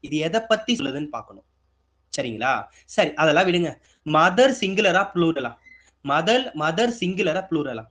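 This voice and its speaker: Higher-voiced man teaching a lesson. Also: lively intonation, moderate pace, a bit bright. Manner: asks students questions and answers them, repetitive. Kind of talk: exam-prep grammar lesson.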